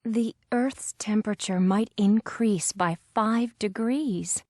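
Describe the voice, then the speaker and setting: A woman on a textbook recording reading example sentences with clear enunciation. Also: medium pitch, slow pace, darkish tone, dry recording, studio quality. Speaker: speaker on a textbook audio.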